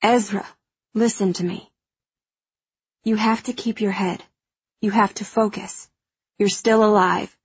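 A fierce young female hacker on a spaceship, protective and firm. Her voice is husky, urgent and reassuring. The audiobook drama is recorded very dry, with a slightly dull tone. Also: medium pitch, fairly even intonation, measured pace, pauses often, no echo.

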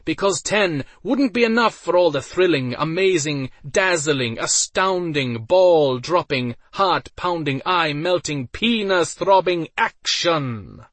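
A man voicing a flamboyant male arena master who hypes the crowd in a booming, theatrical voice. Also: measured pace, fairly bright tone, no echo. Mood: hyped. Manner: booming, theatrical announcer cries.

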